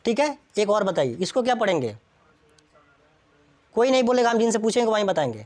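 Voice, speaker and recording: A woman's voice: mid-range voice, big pitch swings, fairly quick, a little mellow. A woman teaching English grammar to a classroom, constantly checking whether students follow.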